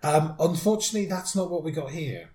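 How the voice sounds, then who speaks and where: A man with a fairly high, darkish voice talks briskly as a podcast co-host, casually and thoughtfully reviewing songs and often restarting his sentences. The recording has a roomy echo.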